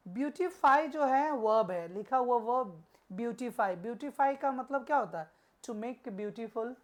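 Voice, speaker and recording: A woman with an Indian accent teaching an exam-prep grammar lesson, asking questions and answering them herself and spelling out words letter by letter. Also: medium pitch.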